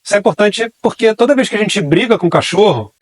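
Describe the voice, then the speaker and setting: A man's voice: high voice, lively intonation, quick pace, no echo. A Brazilian man teaching a dog training class, explaining step by step and asking and answering his own questions. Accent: Brazilian Portuguese. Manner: explanatory, repeats key phrases, asks and answers own questions.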